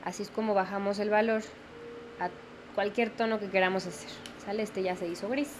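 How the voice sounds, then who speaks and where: Explaining slowly and checking in with her audience again and again, a young woman teaches a watercolor painting in stages. She keeps a steady tone at a middle pitch for a woman, and a slight hiss runs under the audio.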